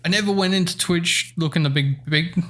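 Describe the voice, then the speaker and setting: A man's voice: on the high side, moderate pace, fairly bright tone. A man hosting a casual podcast chat, easygoing with dry jokes and frequent agreement.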